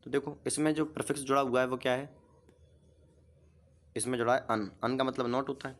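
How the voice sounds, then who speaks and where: A man's voice: medium pitch, steady tone, fairly quick, a bit bright. Patient male teacher who quizzes and repeats. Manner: asks questions and repeats the answers; patient, explains step by step. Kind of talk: grammar lesson.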